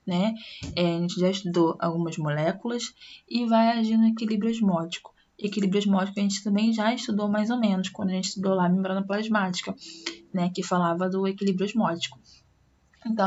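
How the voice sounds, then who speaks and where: A Brazilian woman science teacher walks students through a recorded lesson, checking in with little tag questions as she goes. Her voice sits in a middle pitch, and the recording is dull and lo-fi with a faint hiss underneath. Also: darkish tone. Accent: Brazilian Portuguese. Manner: explanatory, many tag questions. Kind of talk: recorded online class.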